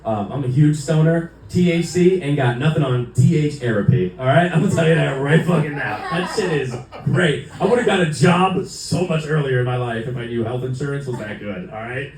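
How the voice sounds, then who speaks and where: A man's voice: a little high, moderate pace, hardly any pauses, darkish tone, slight background noise. A young man performing a stand-up set in a club, loose and rambling, swearing freely and leaning on fillers. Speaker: stand-up comedian. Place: comedy club, indoors. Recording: echoey club from far off.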